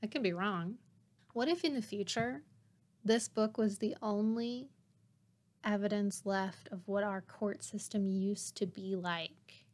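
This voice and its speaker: A woman's voice: mid-range voice, measured pace, darkish tone. A woman hosting a podcast, reading a novel aloud with wry, sarcastic asides between passages. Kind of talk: casual read-aloud with joking asides.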